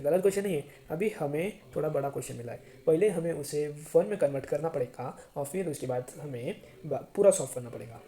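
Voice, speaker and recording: Guy teaching math online, mellow warm tone, keeps asking if u got it. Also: fairly high pitch. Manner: chatty, checks understanding often, playful asides to students.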